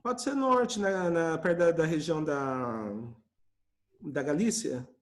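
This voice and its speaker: A man with a high voice and a Brazilian Portuguese accent teaches English in a live online lesson. He explains grammar with quick acted-out example exchanges.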